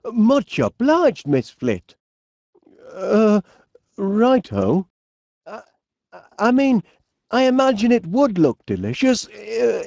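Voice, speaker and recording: In this heavily acted take, a male actor gives the game's courteous, fumbling, enthusiastic inventor a high-pitched Northern English voice, hesitant and full of quaint expressions. The studio audio is clean, with no room sound.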